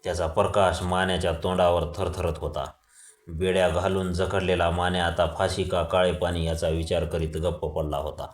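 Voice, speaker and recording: A man reading a novel aloud as a storyteller, with steady, even narration. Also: deep voice, moderate pace, reverberant. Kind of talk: audiobook reading of a Marathi novel.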